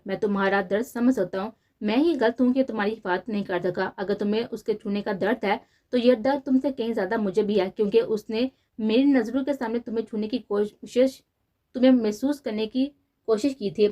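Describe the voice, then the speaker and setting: A woman's voice: medium pitch, a little fast, warm tone, close to an everyday voice. A woman reading the lines of a young male police officer in an audio novel, speaking in an earnest, soothing way. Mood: pleading.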